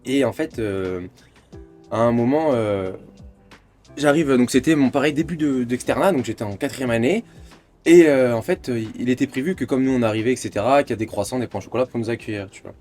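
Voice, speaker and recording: Young male host, quick loose anecdote-telling, lots of hesitations, ordinary mid voice. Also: medium pitch, darkish tone, soft background music. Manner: rambling, full of "euh" and "tu vois". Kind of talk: casual chat, telling anecdotes.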